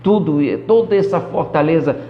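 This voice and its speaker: A man's voice: on the high side, moderate pace. A Brazilian man, a pastor giving a live-streamed Bible lesson in a didactic, emphatic way, often checking that listeners follow. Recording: dull, lo-fi live stream audio.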